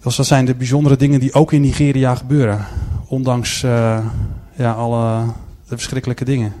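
A man's voice: mid-range voice, level tone, moderate pace, warm tone. A man presenting to an audience, speaking earnestly with frequent filler sounds while he talks through a series of pictures. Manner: earnest storytelling. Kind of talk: church-style presentation with slides.

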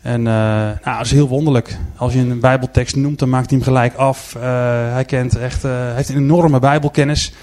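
A man speaks to a gathered audience in a church-style presentation, talking through pictures on a screen. He tells his stories earnestly, at a middle pitch, and often pauses on hesitant filler sounds. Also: little pitch movement, darkish tone. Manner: earnest storytelling.

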